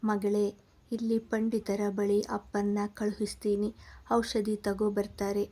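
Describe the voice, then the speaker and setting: A woman voicing a caring middle-aged mother who speaks in gentle, reassuring tones. The delivery is warm-dark and even. It is an unhurried storybook voice. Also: mid-range voice, close to an everyday voice. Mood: soothing.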